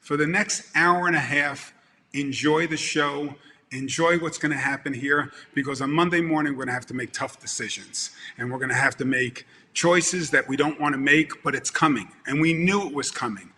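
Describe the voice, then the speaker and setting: Speaking over a webcam video call from a home room filled with plants and lamps, a Brooklyn-accented event producer in his fifties delivers an animated motivational talk to a conference, repeating words for emphasis. His voice is fairly high and moves at a normal speed, with a big-room sound and slight background noise.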